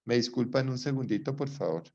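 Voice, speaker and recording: A man's voice: mid-range voice, expressive, a little fast, gravelly, darkish tone. Man lecturing over a dull video call. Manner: explanatory, checks in with listeners often. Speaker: lecturer in psychology. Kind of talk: online lecture.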